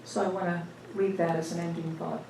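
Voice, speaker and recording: A woman's voice: lowish voice, level tone, fairly quick, gravelly, mellow, slight background noise. A woman minister leading a church service, speaking informally with many fillers and restarts. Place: church sanctuary. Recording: echoey room, distant mic.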